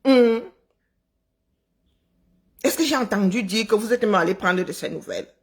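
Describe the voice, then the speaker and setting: A Cameroonian social media commentator delivers a sarcastic, scolding live-stream monologue to her viewers. Her medium-pitched voice, which she calls unpleasant herself, is expressive and a little slow.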